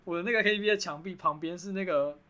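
Fast-talking Taiwanese woman podcaster. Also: lowish voice, sharp tone. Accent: Taiwanese Mandarin. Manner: fast, joking, self-mocking. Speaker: podcast co-host. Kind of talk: casual chat.

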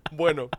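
A man hosting a podcast in playful, joking casual chat. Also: noisy background. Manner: playful, joking, laughs a lot. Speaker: podcast host.

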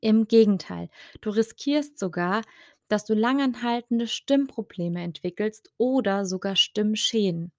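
Slow, gentle woman voice coach. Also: medium pitch, no echo, clean studio sound. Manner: slow, gentle, addresses listener directly. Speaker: speech and voice coach, podcast host. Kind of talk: calm scripted podcast advice.

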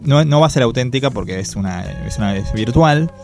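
Soft background music accompanies a co-host from Argentina whose Rioplatense Spanish accent colors his casual chat. His medium-pitched voice is animated, a little fast and a little mellow, and he thinks aloud thoughtfully, hesitating with plenty of fillers.

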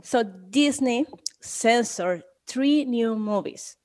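A woman's voice: a little high, slow, darkish tone. A woman with a Mexican accent, co-hosting a casual chat podcast and laughing often. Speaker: podcast co-host.

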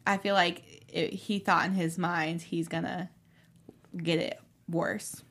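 A woman panelist in a casual chat, telling stories in a chatty, animated way. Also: fairly low pitch, slow pace.

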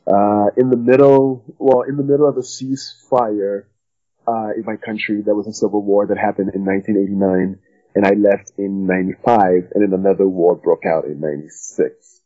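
A man's voice: lowish voice, moderate pace. Liberian guy on a muffled phone call, laid back, thoughtful storytelling. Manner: relaxed, reflective storytelling. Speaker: guest author. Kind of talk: phone interview. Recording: dull phone line.

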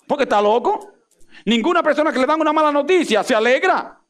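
A man's voice: very high-pitched, expressive, fast talker, a bit bright. A man preaching a sermon, firing rhetorical questions and answering them himself, acting out the lines he quotes. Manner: dramatic, acts out quoted speech. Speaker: pastor.

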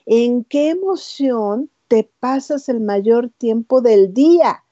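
A woman's voice: on the high side, lively intonation, takes it slowly, mellow, dry recording, dull audio. A woman hosting an interview, talking with enthusiasm and often adding tag questions. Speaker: host. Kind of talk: casual interview chat.

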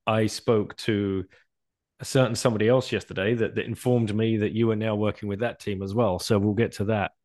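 A man's voice: fairly low pitch, fairly even intonation, fairly quick, a little mellow. A man hosting a podcast, chatty and upbeat, stumbling over restarts as he asks questions. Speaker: podcast host. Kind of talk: casual interview chat.

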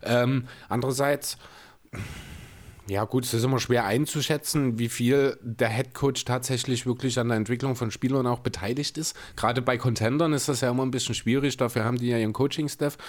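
A man with an average-pitched voice co-hosts a casual chat podcast. He weighs each point carefully and analytically, often with a chuckle. He is recorded indoors in a room with closed windows. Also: fairly even intonation, a little fast. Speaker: podcast co-host.

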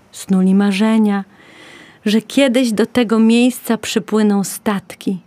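Gentle lady reading a kids' story, really slow and mellow, dry close sound. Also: medium pitch, no echo. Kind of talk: scripted children's story narration.

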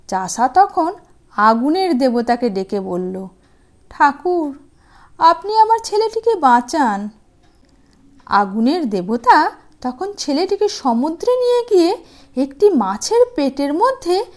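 Lady reading kids stories, sweet sing-song, highish voice, really takes her time. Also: darkish tone. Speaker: children's story channel host and narrator. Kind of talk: storytelling for young children.

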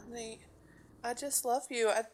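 A woman's voice: fairly high pitch, steady tone, moderate pace, darkish tone, a little hiss or hum, lightly acted, rough recording. A woman playing a wary young woman passenger in an amateur radio drama, soothing and hesitant. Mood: coaxing. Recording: music playing underneath.

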